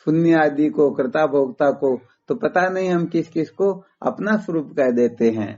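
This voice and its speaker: Over a dull, lo-fi phone recording, a man whose voice sits fairly high walks a listener through spiritual philosophy step by step, raising rhetorical questions. His pace is moderate and his tone warm.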